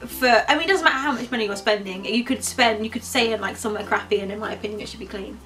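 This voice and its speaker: A woman's voice: medium pitch, rapid-fire, fairly bright tone, slight background noise, poor audio. A woman co-hosting a casual review vlog, chatty and candid, laughing easily. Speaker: vlogger co-host.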